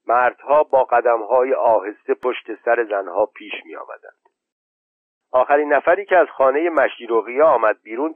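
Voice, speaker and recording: A man reading a story aloud as audiobook narrator, in a steady, measured way. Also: mid-range voice, no echo. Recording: dry tinny phone-like audio.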